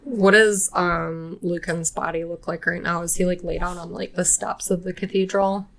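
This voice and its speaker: A woman playing a tabletop game, speaking hesitantly and politely in character, with frequent pauses. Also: on the low side, little pitch movement, vocal fry, a bit bright, slight background noise. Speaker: player.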